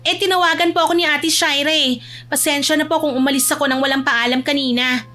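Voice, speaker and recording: A woman voicing a rebellious adopted teenage girl who pleads and talks back in a shrill voice. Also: fairly even intonation, fast, bright, forceful tone. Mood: subdued.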